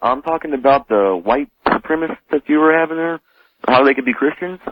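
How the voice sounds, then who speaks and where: A man calling in to a radio show, talking in a halting, hesitant way with many pauses. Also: a little high. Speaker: caller. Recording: dry lo-fi radio call.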